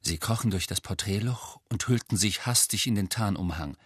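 Man narrating an audiobook, husky low voice. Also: dry recording, clean studio sound. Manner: expressive, measured storytelling.

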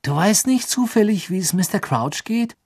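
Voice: mid-range voice, animated, normal speed, slightly rough, voice pushed up. A narrator voicing a curious, kind teenage boy who talks in a plain, friendly way. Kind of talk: audiobook character voice.

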